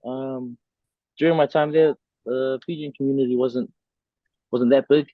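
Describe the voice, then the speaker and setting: A man's voice: mid-range voice, measured pace, no echo. Young man on a tinny video call. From New Zealand. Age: young adult. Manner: relaxed, many fillers and restarts. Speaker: rugby player interviewee. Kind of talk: casual interview answers.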